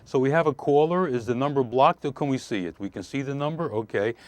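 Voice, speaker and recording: A man's voice: mid-range voice, quick pace, no echo. A man who works as a relationship counselor hosting a live call-in show, explaining earnestly and repeating his key points.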